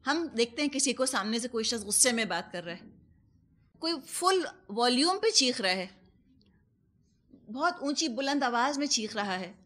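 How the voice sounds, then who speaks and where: Woman teaching quran tafseer, pakistani urdu accent, bit high voice, patient examples, mixes in english words. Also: a bit bright. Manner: explains patiently with everyday examples and questions to listeners. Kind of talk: Quran commentary lesson.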